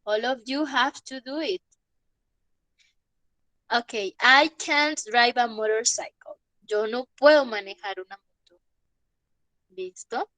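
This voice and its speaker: A woman's voice: fairly high pitch, slow pace, pauses often, a bit bright, dry recording. A woman with a cold, teaching an online English class with patient explanations and laughs at her own jokes. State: has a cold.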